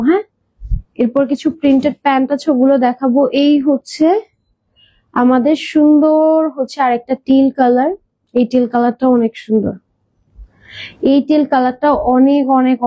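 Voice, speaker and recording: A woman's voice: sits high, no room sound, lo-fi sound. A woman hosting a live clothing sales stream, chatty, mixing in English words and hesitating with fillers and repeats. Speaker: online clothing seller.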